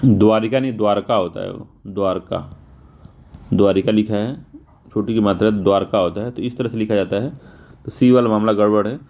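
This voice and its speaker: A male teacher going through exam answers, spelling words out slowly and repeating them, casual in tone. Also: on the low side, fairly even intonation, darkish tone. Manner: informal, repeats "theek hai" often.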